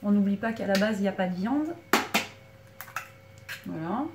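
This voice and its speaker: A woman's voice: mid-range voice, animated, moderate pace. A woman giving a casual cooking demonstration in her small back kitchen, chatting to viewers as she works, with a slight frog in her throat. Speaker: home cook. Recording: echoey kitchen, mic far off, loud background noise. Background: clattering pans and utensils.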